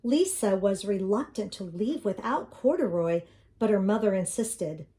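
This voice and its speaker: Slow, mellow grandmotherly woman storyteller. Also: medium pitch, animated. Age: older. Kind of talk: children's picture book read-aloud.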